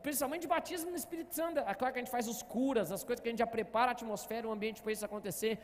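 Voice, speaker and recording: A man's voice: extremely high pitch, very fast, in a large hall, a little hiss or hum. A man preaching as pastor, telling stories and often asking the congregation to answer back. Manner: storytelling, often asking the congregation "Amém, amados?". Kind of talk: sermon. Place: church hall.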